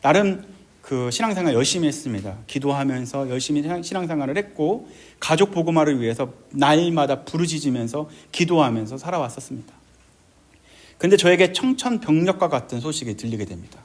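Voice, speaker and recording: A middle-aged man pastor preaching a sermon, animated, acting out quoted voices with big jumps in his voice. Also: fairly high pitch, a little fast.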